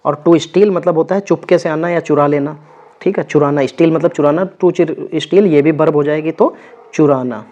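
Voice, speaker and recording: Man teaching vocabulary, slightly high voice, repeats himself a lot, dull recording. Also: normal speed, warm tone. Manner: repeats words with frequent check-ins. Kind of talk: exam vocabulary lesson.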